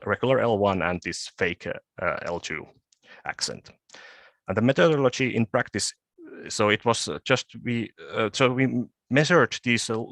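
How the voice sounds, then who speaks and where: Halting low-voiced man presenting research. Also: a bit bright, dry recording. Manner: halting, with frequent word repeats and restarts. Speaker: conference presenter. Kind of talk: academic conference presentation.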